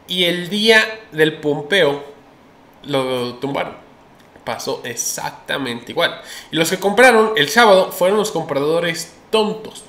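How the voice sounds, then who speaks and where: Opinionated male news host, casual delivery, slightly high and bright, roomy sound. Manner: chatty, opinionated, many restarts and fillers.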